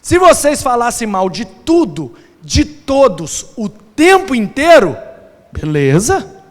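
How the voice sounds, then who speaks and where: A man preaching a sermon as pastor, playful and animated, mimicking sounds and shouting for emphasis. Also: very high-pitched, slow pace. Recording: long hall reverb.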